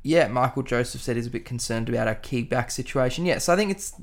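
A man's voice: mid-range voice, quick pace. A man with an Australian accent hosting a casual football podcast, speaking in a laid-back, colloquial, blokey way. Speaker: podcast host.

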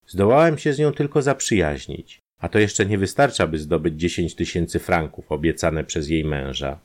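A man voicing a smooth-talking male private detective, a conman who speaks in an ingratiating, persuasive way. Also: deep voice, normal speed, close to an everyday voice.

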